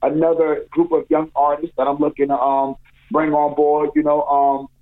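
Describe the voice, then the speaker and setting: A man calls in as a guest on a tinny, narrow phone line, his voice sitting a bit high for a man. He talks loosely and casually, circling back with "you know what I'm saying" again and again. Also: level tone, normal speed. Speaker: guest calling in. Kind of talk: casual interview chat. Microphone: telephone.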